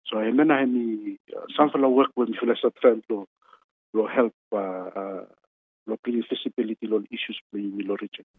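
Phone-like sound, dry, man, Melanesian accent, Solomon Islands Pidgin mixed with English, halting interviewee, mid-pitched. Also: fairly even intonation, dry recording. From Pacific Islands. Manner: halting, with drawn-out words and repetition. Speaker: interviewee, regional meteorology official. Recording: tinny phone-like radio line.

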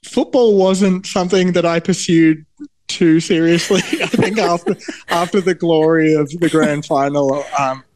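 A man's voice: on the high side, a little slow. An Australian man in his thirties, a scientist, telling a story in an interview, often laughing at himself. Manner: laughing, self-deprecating, animated retelling. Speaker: cancer scientist.

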